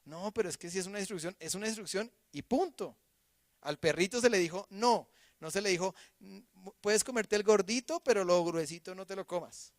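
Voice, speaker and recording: Animated preacher man with a high voice. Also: brisk, no room sound, clean studio sound. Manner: animated, swings from loud to hushed; acts out quoted voices. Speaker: pastor. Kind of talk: sermon.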